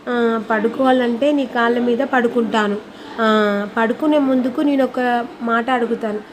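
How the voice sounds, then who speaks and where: A woman's voice: a little high, fairly even intonation, a little slow, a little hiss or hum, natural voice. A woman voicing a tipsy young wife who coaxes and demands, playful and insistent. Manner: slurred, coaxing and demanding.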